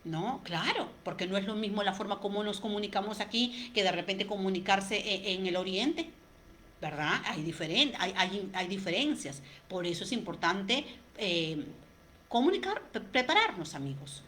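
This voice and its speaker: A woman giving an expressive talk on communication, speaking straight to her listeners with rhetorical questions and dropping to a soft, quiet voice to stress a point. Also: medium pitch, normal speed, slight background noise. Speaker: communication coach. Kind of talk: motivational talk to camera.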